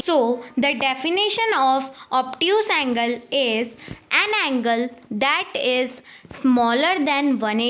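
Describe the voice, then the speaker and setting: A young woman explaining maths in a friendly, playful way, reading definitions slowly. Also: sits high, a bit bright. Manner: friendly and playful, slow careful English definitions. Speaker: maths teacher. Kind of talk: chatty classroom explanation.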